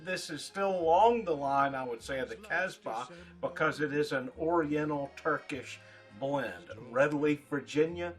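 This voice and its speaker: A man giving a casual, rambling product review in short, halting phrases, as a reviewer talking to his viewers. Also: on the high side, faint music behind. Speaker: pipe tobacco reviewer.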